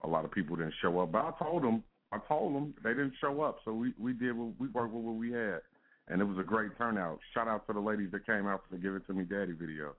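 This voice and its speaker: Speaking fast in a voice on the low side, a male music artist guest joins by telephone. He's casual and relaxed, laughing often and sprinkling in "you know what I'm saying," all in phone-line call-in audio.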